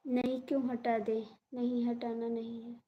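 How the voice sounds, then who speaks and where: A woman's voice: a little high, monotone, normal speed, highs cut off. A young woman hosting a live stream, chatting casually and answering viewer comments.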